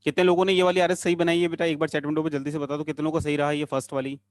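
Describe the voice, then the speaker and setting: Close-miked and dry with no room sound, a slightly high-voiced man leads an online chemistry class, gently urging his students on with short, repeated phrases in a sing-song lilt. His delivery comes out flat and rapid-fire.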